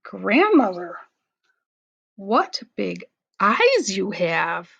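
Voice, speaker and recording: An innocent little fairy-tale girl, acted by a woman reader talks in a wide-eyed, wondering way. Her pitch moves a lot and the voice has a creaky edge. The recording is a bit muffled. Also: huge pitch swings, very slow, a bit bright, full character voice.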